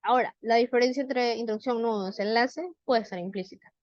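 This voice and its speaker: A woman's voice: a little high, fairly quick, no echo. A young woman coaching debaters, explaining in a conversational way with frequent fillers and rhetorical questions. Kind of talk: explanatory talk. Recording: dull, slightly muffled sound.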